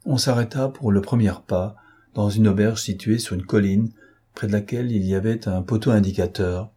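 A man narrating a novel as an audiobook, in steady, measured storytelling. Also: lowish voice, slightly rough.

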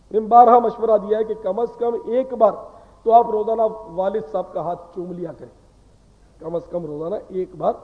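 Man, preacher, high voice, earnest conversational sermon, rhetorical questions, tinny narrow sound, long hall echo.

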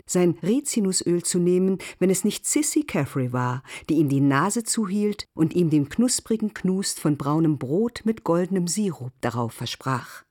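A narrator giving a measured, softly expressive literary radio reading. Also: mid-range voice.

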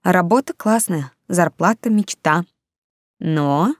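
A woman's voice: lowish voice, lively intonation, takes it slowly, no echo. A woman voicing a reserved, sober-minded young single mother who speaks wryly, in a dry close reading. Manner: wry, reserved.

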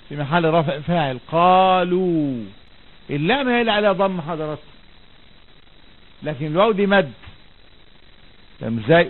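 A man with an Egyptian Arabic accent teaching a grammar lesson, asking his students questions and answering them himself while repeating the key words. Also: a little high. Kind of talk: classroom lesson. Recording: tinny lo-fi recording, faint background noise.

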